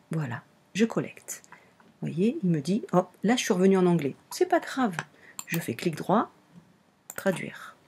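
This walkthrough presenter speaks with a French accent in a low, darkish, slightly rough voice. Her casual screen recording takes viewers through a browser game one step at a time, and she frequently repeats herself or corrects what she's said.

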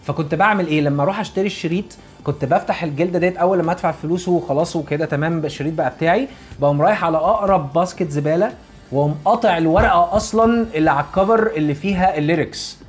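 An Egyptian man in his thirties talks straight to his audience at a brisk clip. He is an English teacher who repeats his key points for emphasis. Quiet music plays underneath his voice. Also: fairly high pitch. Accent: Egyptian Arabic. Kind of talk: casual motivational talk to camera.

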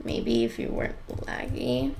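A woman's voice: unhurried, a little mellow. A young woman hosting a casual gaming video, playful and sarcastic, chatting to her viewers as she plays. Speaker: channel host and gamer.

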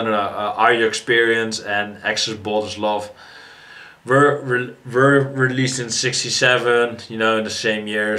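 A man's voice: on the low side, pushed and bright. A tired man hosting a music reaction video, rambling casually with frequent restarts and swearing. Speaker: music reaction channel host.

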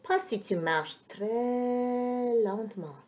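A woman's voice: medium pitch, lively intonation, slow, a little mellow. A woman reading a storybook aloud, voicing a confident older girl who patiently explains the world to a younger child. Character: confident, knowing big-sister girl who likes to explain.

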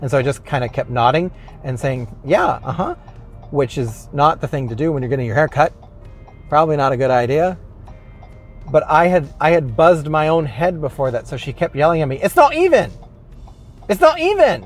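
Faint music plays behind a man's fairly quick, mid-range voice as he complains on his own vlog from behind the wheel of his car. It's a casual, comedic rant, rambling and self-mocking, and he restarts a lot.

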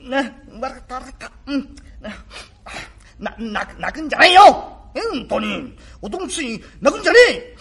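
A man playing a remorseful rough working-class father, gruff yet tender, in old Tokyo shitamachi speech. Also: very high voice, fairly even intonation, unhurried, long pauses, a bit bright. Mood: apologetic. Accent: Tokyo shitamachi (Edo). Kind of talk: rakugo storytelling.

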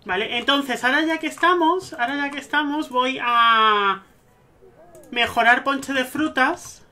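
A man with a Spain Spanish accent giving gushing, excitable let's-play commentary over a life-sim game. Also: extremely high pitch, unhurried. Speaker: gaming streamer.

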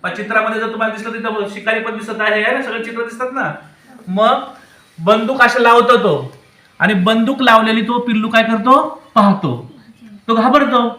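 High bright man teaching in echoey classroom. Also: steady tone, normal speed. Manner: questioning, prompting children for answers. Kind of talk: classroom lesson with children. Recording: very echoey room, voice from far off.

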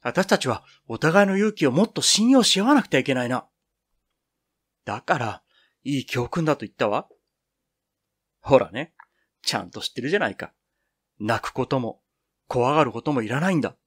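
A man's voice: mid-range voice, animated, husky. A man reading the part of Piro, a cheerful, boyish young woman who talks firmly and confidently. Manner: brisk, scolding, confident.

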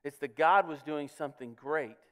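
A man's voice: fairly high pitch, moderate pace, fairly bright tone, smooth. A pastor preaching a sermon in church, earnest, often repeating words as he builds to his points. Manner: earnest preaching with frequent word repeats, swelling on key words. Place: church sanctuary.

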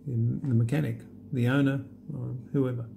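Gravelly man demoing an app. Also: medium pitch, a little hiss or hum. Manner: relaxed, halting, many fillers. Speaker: app demonstrator. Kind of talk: unscripted screen demo walkthrough.

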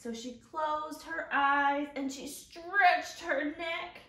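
A high-voiced woman in her thirties hosts storytime for young children from her living room, working as a children's librarian. She reads aloud expressively in simple, child-directed phrasing, drawing out the key words. A camera a few feet away picks her up, giving the sound a roomy quality.

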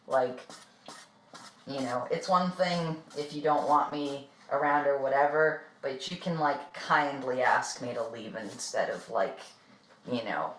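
Woman, low pitch, vocal fry, rambling, filler words, echoey distant room. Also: unhurried, fairly bright tone. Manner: rambling, full of fillers and trailing off. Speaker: reality show contestant. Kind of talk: casual chat. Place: house on a live-streamed reality show. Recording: echoey room, far from mic, noisy.

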